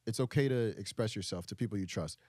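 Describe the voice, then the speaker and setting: A young man from Brooklyn, United States, speaks as a podcast guest in casual conversation, candid and earnest, working through ideas with restarts. His voice sits on the low side with a dark tone and a fast delivery, captured at studio quality with no room sound.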